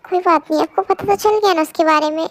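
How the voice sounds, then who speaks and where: A woman's voice: very high-pitched, fast, no echo. A young woman playing a devoted, coaxing young wife. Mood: soothing. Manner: coaxing, earnest. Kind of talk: amateur fan dub drama.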